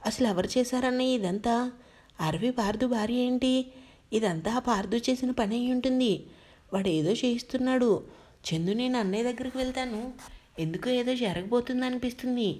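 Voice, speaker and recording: A woman's voice: fairly high pitch, normal speed, a little mellow, natural voice. A woman voicing a worried young man who speaks urgently.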